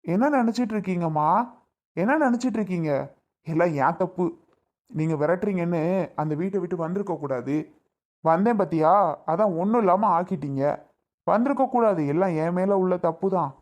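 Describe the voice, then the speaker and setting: A man's voice: high-pitched, a little fast, pauses often, a little mellow, close to an everyday voice. Man playing a reproachful old father-in-law. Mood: bitter. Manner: reproachful, lecturing. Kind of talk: amateur family drama skit.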